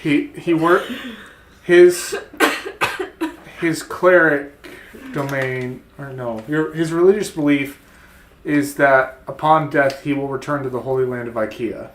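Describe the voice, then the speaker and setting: Guy player thinking out loud, stops and restarts, echoey room. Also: on the high side, slow pace, long pauses, a little hiss or hum. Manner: hesitant, planning out loud. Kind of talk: casual tabletop chat.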